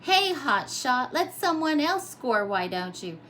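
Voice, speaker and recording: A woman's voice: high voice, sing-song, slow, sharp tone, a little hiss or hum, full character voice. A woman voicing a frank young boy mackerel in a storybook, blunt and emphatic. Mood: annoyed.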